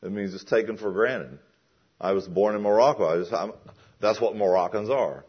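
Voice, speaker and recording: A man's voice: on the low side, moderate pace, breathy edge, muffled recording. A man preaching a sermon in a conversational way that builds to emphatic questions.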